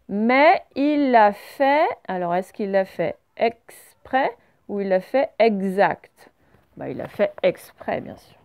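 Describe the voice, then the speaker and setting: A French woman teaching a reading lesson, speaking slowly and clearly and spelling words out letter by letter. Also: medium pitch, darkish tone.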